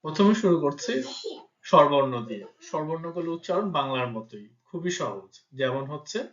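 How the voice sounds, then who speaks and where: A man's voice: on the high side, animated, normal speed, roomy sound, muffled recording. A man teaching a language lesson, patiently spelling out letters and example words one at a time. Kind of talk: teaching Italian pronunciation in Bengali.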